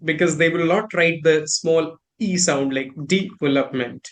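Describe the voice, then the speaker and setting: Animated Indian man, high voice. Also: unhurried. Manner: animated storytelling, acts out reactions. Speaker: host. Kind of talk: casual chat about pronunciation.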